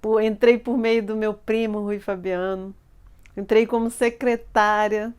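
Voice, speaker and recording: A woman, telling a personal life story in an animated way and acting out the people she quotes. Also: medium pitch, measured pace, smooth.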